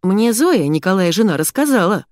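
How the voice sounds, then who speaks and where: A woman voicing a shrill excitable wife. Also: moderate pace, dry recording, clean studio sound, lightly acted. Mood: gossiping. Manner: shrill, emotional, nagging. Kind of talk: audiobook character voice.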